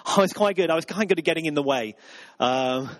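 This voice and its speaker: High-voiced man preaching earnestly. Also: a little fast. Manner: earnest and conversational, with self-mocking humor. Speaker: pastor. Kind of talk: sermon.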